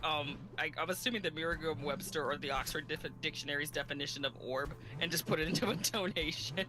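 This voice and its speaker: A woman's voice: sits low, quick pace, rough recording. A woman co-hosting a casual game stream, playful and giggly. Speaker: co-host on a stream.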